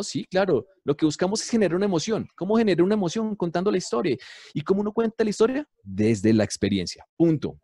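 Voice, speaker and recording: A man who teaches and produces university radio, explaining storytelling in a lively way and answering his own rhetorical questions. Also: medium pitch, no echo, clean studio sound. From Colombia.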